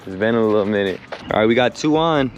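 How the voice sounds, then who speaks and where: A man's voice: on the low side, lively intonation, fast, lo-fi sound, over music. A young man chatting casually to his viewers in a slangy, laid-back way, from his car and outdoors at a ballfield. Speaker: car vlogger. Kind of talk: casual vlog chat. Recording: loud road and outdoor noise.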